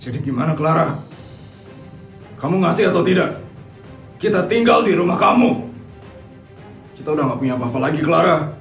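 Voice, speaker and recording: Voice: medium pitch, expressive, normal speed, gravelly, long pauses. A voice actor playing a ruined cartoon father who pleads humbly for a place to stay. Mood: pleading. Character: ruined father of the family, begging. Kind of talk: cartoon voice acting. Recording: roomy echo with faint music.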